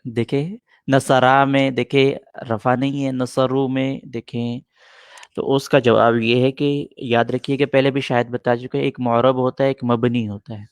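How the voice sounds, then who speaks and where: A man's voice: medium pitch, level tone, clear, resonant tone, no echo. Patient man teaching grammar, dry sound. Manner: patient, repeats points and answers students' questions. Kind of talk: classroom grammar lesson.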